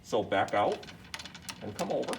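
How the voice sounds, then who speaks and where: A man's voice: lowish voice, very animated, moderate pace. A man instructing like an experienced machinist, patiently explaining a hands-on demonstration step by step. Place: workshop beside a lathe. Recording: clear shop background noise.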